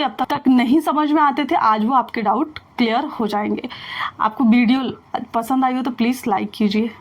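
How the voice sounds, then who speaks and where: A high-pitched woman teaches English grammar in a mix of Hindi and English, explaining step by step. She asks learners questions and slowly repeats the words she is drilling.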